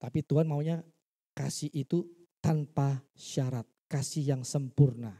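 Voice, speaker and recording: A man's voice: medium pitch, fairly even intonation, measured pace, mellow, slightly rough. A male pastor preaching a sermon in church. He teaches by asking his listeners questions and acting out the quoted dialogue.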